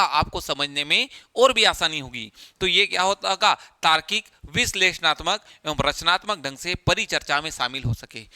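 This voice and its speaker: A male teacher talks through an exam-prep lesson, asking himself rhetorical questions and repeating key phrases. His voice sits high and sounds crisp and clear. The recording is dry and close, with no room sound. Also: pushed and bright, no echo.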